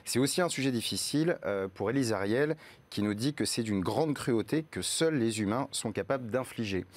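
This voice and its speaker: A man's voice: mid-range voice, expressive, normal speed. A man, a guest columnist, presents the month's top series in a casual studio chat, explaining with many fillers.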